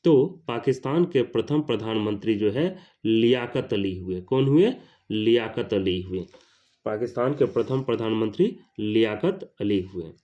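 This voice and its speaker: In this lo-fi clip, an Indian-accented man runs an exam Q&A lesson, saying each question and its answer twice on purpose. He has a lowish, expressive voice.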